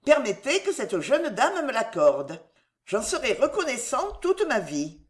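A woman voicing an excitable, fawning young gentleman who pleads theatrically. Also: a little high, measured pace.

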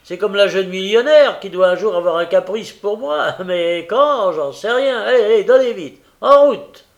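A man reading aloud puts on an impatient coach driver in a raised, grumbling voice. The driver is gruff and short-tempered, a working man in a read-aloud story. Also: high-pitched, expressive, moderate pace, dull audio, voice pushed up. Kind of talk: audiobook character voice.

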